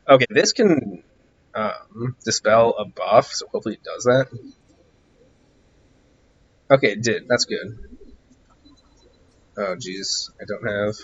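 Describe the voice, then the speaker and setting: A man streaming a game, rambling distractedly through casual commentary while he grows hoarse and loses his voice. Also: fairly low pitch, animated, takes it slowly, pauses often, muffled recording, slight background noise. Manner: rambling, distracted, musing aloud.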